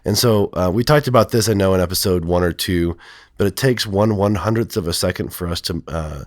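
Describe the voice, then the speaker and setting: A male counselor with a voice lowered by illness, explaining in a rambling, hesitant way full of fillers. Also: a little fast, no room sound, clean studio sound. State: sick, voice lowered from strep throat. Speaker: counselor and podcast co-host. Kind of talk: casual podcast conversation.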